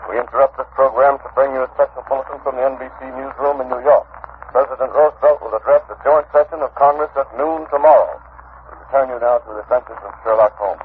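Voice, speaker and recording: A male news announcer reading a special bulletin that breaks into a radio drama, in a brisk, formal announcing manner, on an old radio recording. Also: mid-range voice, steady tone. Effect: bulletin cutting into the broadcast. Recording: tinny, hissy 1940s radio recording.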